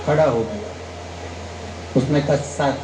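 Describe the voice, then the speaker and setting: Speaking slowly, this male kathavachak gives a devotional katha sermon built around anecdotes. He narrates tales and voices their dialogue with emphatic upward swings in pitch. The recording echoes and carries background noise.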